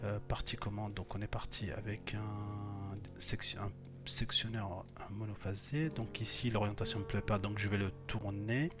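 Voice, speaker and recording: A man's voice: on the low side, fairly even intonation, normal speed, music in the background. A man teaching electrical wiring, walking through each step on screen as he clicks, with many hesitations and fillers. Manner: thinks aloud while clicking, many fillers. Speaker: electrical instructor. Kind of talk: screen-recorded software tutorial.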